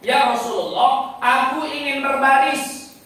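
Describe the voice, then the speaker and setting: Pleading, eager young boy, put on by a male preacher; high, bright, roomy far-off sound. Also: unhurried, full character voice. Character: eager twelve-year-old boy begging to join. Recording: echoey mosque hall from far off.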